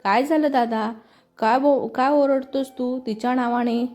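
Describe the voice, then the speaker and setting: An exasperated younger sister, forever scolding and asking pointed questions, as a woman reading a storybook voices her. Her voice is mellow and somewhat high. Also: fairly even intonation, a little slow.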